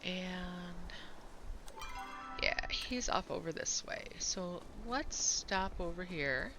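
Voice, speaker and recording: A woman streamer giving casual, relaxed commentary and thinking aloud as she plays a game. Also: lowish voice, slow, over music, rough recording. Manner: chatty and relaxed, thinking aloud while playing.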